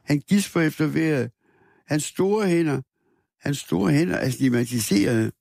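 Gravelly man reading a somber story. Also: on the high side, a little mellow, no echo, clean studio sound. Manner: measured, somber reading with small restarts. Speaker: narrator. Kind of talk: first-person literary narration read aloud.

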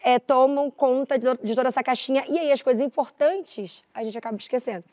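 A woman's voice: high voice, fast, mellow, dry recording. A woman on a chat panel, explaining thoughtfully and tagging her sentences with little checks for agreement. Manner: explains thoughtfully with many "né?" tags. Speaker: panel guest.

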